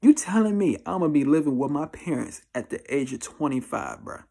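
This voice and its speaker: The speaker, an American vlogger aged twenty-four, dispenses life advice in an offhand confessional to camera. His voice is a little high, creaky and dark, very animated and brisk. He speaks bluntly and emphatically in slang, often saying the same phrases again.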